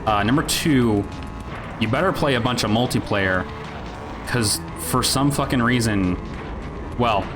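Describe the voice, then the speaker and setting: A man's voice: mid-range voice, measured pace, pauses often. A man giving a casual, sweary gaming rant in a rambling, sardonic, grumpy-old-man grumble. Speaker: video game reviewer. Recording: music behind the voice. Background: music.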